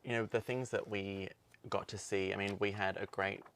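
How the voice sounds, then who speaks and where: Gravelly man chatting casually. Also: fairly low pitch, steady tone, normal speed, a bit bright, a little hiss or hum. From Australia. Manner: chatty, rambling, laughs often. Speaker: podcast co-host. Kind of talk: casual chat.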